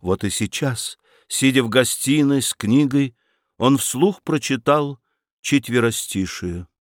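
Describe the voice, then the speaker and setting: A man narrating a story in a measured, expressive reading. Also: mid-range voice, no room sound, studio quality.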